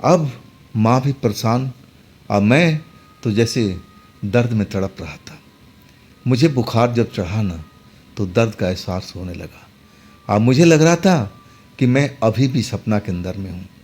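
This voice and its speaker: A man's voice: on the low side, darkish tone, husky. A man narrating a first-person horror story in a dramatic, conversational way.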